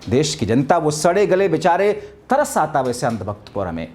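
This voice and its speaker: Sarcastic guy ranting about politics, voice jumps all over, kinda high. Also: very animated, moderate pace, a little mellow. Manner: combative, sarcastic, rhetorical questions to viewers. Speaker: political commentary host. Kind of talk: political commentary monologue.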